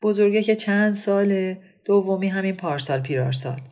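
A woman's voice: mid-range voice, a little mellow, pitched above the performer's own voice, natural voice. A woman reading the part of a sullen, resentful widowed aristocratic woman who speaks curtly and sighs over her lot. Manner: curt, resentful, sighing.

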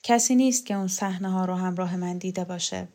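A woman's voice: lowish voice, darkish tone, lightly acted. A woman reading as a frail, wry old lady. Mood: weary.

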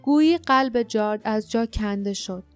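A woman narrating an audiobook in a steady, measured reading voice. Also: fairly high pitch, faint music behind.

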